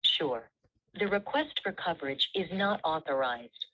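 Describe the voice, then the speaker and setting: A woman's voice on a recorded automated phone menu, heard over a speakerphone, reading prompts in a measured, polite way. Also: deep voice, expressive. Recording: muffled speakerphone audio.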